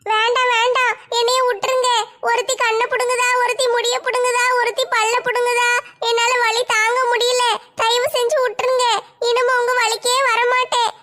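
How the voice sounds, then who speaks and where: A woman's voice: very high voice, flat delivery, a bit bright. A woman voicing a village woman beaten in a brawl, crying and begging for mercy. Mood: wailing. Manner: crying, begging, drawn-out wails. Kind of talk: one-woman comic skit.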